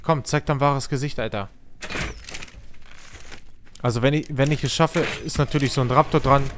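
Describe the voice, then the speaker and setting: A man commentating a game as a streamer, excitable and coaxing the creatures he tries to tame. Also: medium pitch, normal speed, noisy background. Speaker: gaming streamer. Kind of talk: let's play commentary.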